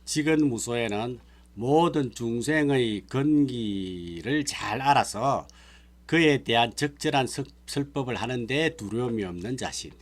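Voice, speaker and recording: Man of middle pitch as a monk teaching a sutra class; patient, term-by-term explanation. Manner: explains terms one by one, checks with listeners. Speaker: Buddhist monk lecturer. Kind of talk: sutra lecture.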